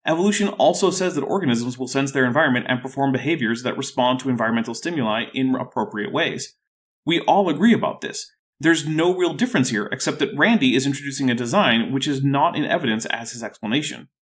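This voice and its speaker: A man's voice: mid-range voice, animated, fast talker, fairly bright tone. A man with a thick, sore-throated voice hosting a scripted rebuttal video in a dry, skeptical way. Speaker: YouTube host.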